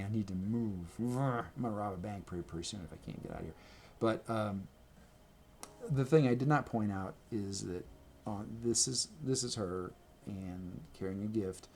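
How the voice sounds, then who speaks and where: Vocal fry colors this man's fairly low, slightly mellow voice as he rambles to his camera at home, correcting himself while showing things. The video creator's chatty, casual vlog is recorded indoors on a camera mic with slight background noise.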